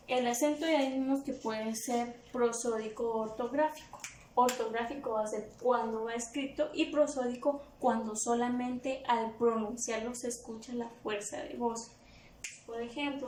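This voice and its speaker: Recorded from a distance in an echoey room with faint background noise, a woman primary school teacher with a Guatemalan Spanish accent gives children a remote grammar review. She explains each step patiently in a slightly high, slightly mellow voice.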